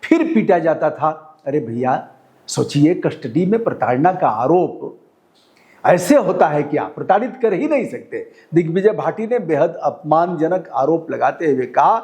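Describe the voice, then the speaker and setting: A man's voice: on the high side, very animated, unhurried, darkish tone. A male news commentator reading a report and breaking off to scold the police directly in an indignant tone.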